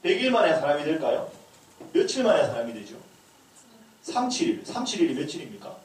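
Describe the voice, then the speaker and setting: Animated pastor lecturing in an echoey room. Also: male voice, a little high, a little fast. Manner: humorous, acts out dialogue lines. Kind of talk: lecture to a leadership school class. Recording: echoey room, distant mic, faint noise.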